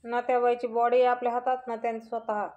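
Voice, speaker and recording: A woman reading the lines of a composed male defense lawyer, measured and persuasive. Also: fairly high pitch, monotone, darkish tone, lo-fi sound, lightly acted.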